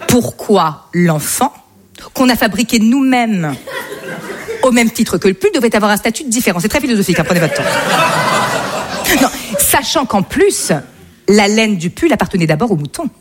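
A woman doing stand-up comedy, delivering absurd ideas in a mock-serious, deadpan tone. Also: mid-range voice, normal speed, pauses often. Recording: live show with crowd and noise.

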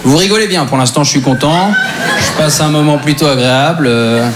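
On a comedy stage before a live crowd, a young man with a French accent performs chatty, self-mocking stand-up. His voice sits on the high side and moves briskly, with audience laughter filling the noisy background of the live show.

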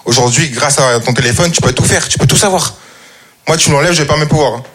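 A man's voice: a little high, quick pace, fairly bright tone, faint music behind. A man doing a chatty stand-up routine on stage, talking straight to the audience. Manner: chatty, addresses audience with "tu vois". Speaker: stand-up comedian. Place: comedy stage before a live audience. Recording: live show with crowd noise. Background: audience laughter.

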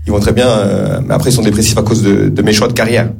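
A man's voice: lowish voice, flat delivery, quick pace, gravelly, noisy background. A man doing a stand-up set before a live audience, hesitant, with many fillers and self-mocking jokes. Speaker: stand-up comedian.

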